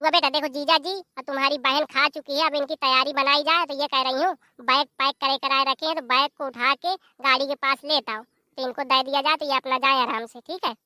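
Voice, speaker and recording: Cartoon mother-in-law, voiced by an actor, older woman, bossy, scolding, high dry voice. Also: steady tone, a little fast, pushed and bright, no echo.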